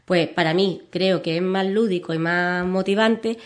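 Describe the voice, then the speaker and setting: A woman, reading a children's story aloud as a radio guest, soft-spoken and lively. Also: on the low side, unhurried.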